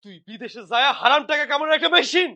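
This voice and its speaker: A man's voice: extremely high pitch, lively intonation, very fast, exaggerated voice. An actor playing an angry suspicious husband who berates his wife harshly. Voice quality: harsh, shouting.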